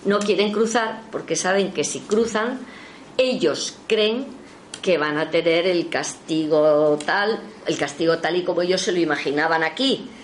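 Animated, low-voiced woman. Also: measured pace, slight background noise. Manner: animated storyteller, jumps in pitch when quoting others. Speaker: storyteller recounting a spiritualist session. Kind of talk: casual spoken anecdote.

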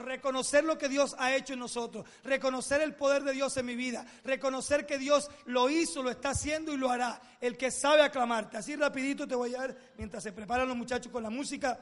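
A man's voice: extremely high pitch, a bit bright. A man preaching a sermon to his congregation as pastor, emphatic and drawing out long lists of words. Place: church hall. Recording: long church reverb.

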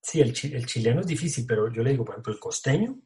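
A man's voice: mid-range voice, expressive, very fast, darkish tone. A man from Colombia, an actor talking casually in an interview, full of slang, fillers and restarts.

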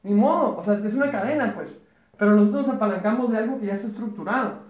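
A man's voice: high-pitched, quick pace, a little mellow. A man with a Mexican accent giving a chatty, joking business presentation to a small group, often checking that they follow. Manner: chatty, questioning the room, joking. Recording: roomy echo.

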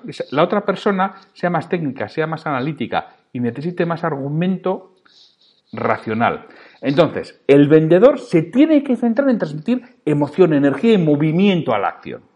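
A man's voice: a little high, expressive, normal speed, darkish tone. A man with a Spanish accent hosting a solo podcast, speaking directly and emphatically to the listener as he teaches sales.

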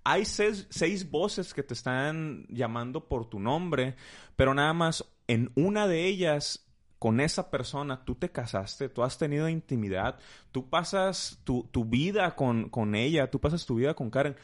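Lively Mexican man teaching with examples. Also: mid-range voice, a little slow. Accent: Mexican Spanish. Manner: animated, teaching with playful examples. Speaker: guest speaker.

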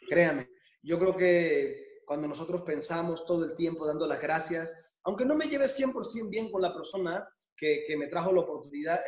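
A man's voice: high voice, darkish tone. A man giving a motivational business training talk, emphatic, repeating phrases and asking for agreement. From Spain. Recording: echoey room.

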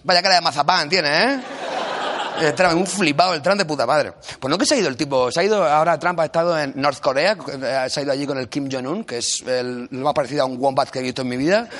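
A man doing a playful, mock-serious stand-up comedy bit with quick jokey asides. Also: on the high side, fairly bright tone. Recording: live stage with audience laughter and noise. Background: audience laughing.

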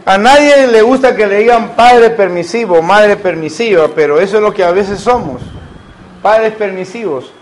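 A man's voice: high voice, moderate pace, a little hiss or hum, poor audio. A man, preaching a sermon as a pastor and asking the congregation rhetorical questions.

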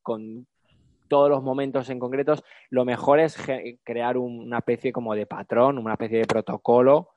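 A man's voice: medium pitch, steady tone, moderate pace, darkish tone, dry recording, highs cut off. A man with a Spanish accent from Spain, talking as a co-host in a conversational podcast discussion. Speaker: podcast co-host, animal trainer.

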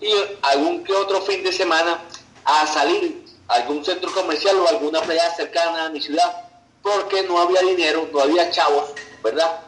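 A man delivers an online business pitch, persuasive and insistent. His voice sits a little high and rings in a roomy, echoing space. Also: fairly even intonation, moderate pace, a bit bright, a little hiss or hum. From Venezuela. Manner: persuasive, tags sentences with "ok" and "verdad". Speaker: business presenter.

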